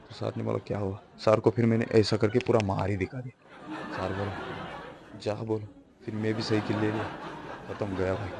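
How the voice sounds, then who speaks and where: A man's voice: on the low side, vocal fry. Rambling teenage guy doing stand-up. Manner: rambling, self-correcting, chuckles through lines. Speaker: stand-up comedian. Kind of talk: first-time stand-up storytelling. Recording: noisy live room with audience.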